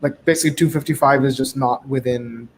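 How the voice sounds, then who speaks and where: A man's voice: mid-range voice, steady tone, a little fast, slight background noise, rough recording. A man with a mid-range voice asks casual questions from the audience. He thinks aloud and checks his understanding as he goes. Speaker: audience member asking questions.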